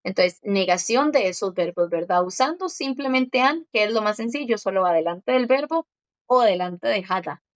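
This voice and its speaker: A woman's voice: mid-range voice, animated, no room sound, lo-fi sound. Patient woman teaching a language lesson. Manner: patient, explains step by step and repeats words slowly.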